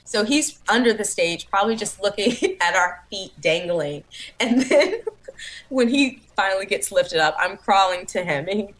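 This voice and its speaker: A woman's voice: mid-range voice, expressive, moderate pace, fairly bright tone, poor audio. A young adult woman, a dancer and singer, telling stories as a guest in a casual interview, laughing often and acting out quotes. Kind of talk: casual storytelling.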